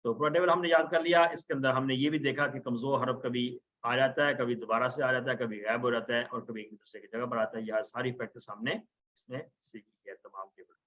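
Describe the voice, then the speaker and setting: A man teaching a recorded Arabic grammar lesson, chanting verb forms slowly and then explaining them. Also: mid-range voice, steady tone, a bit bright, dull audio.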